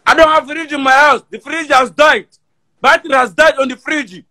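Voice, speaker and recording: A man's voice: extremely high pitch, moderate pace, sharp tone, low-quality recording. A man on a phone video call, insistently repeating himself and defending his story. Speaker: caller. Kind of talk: casual video-call banter.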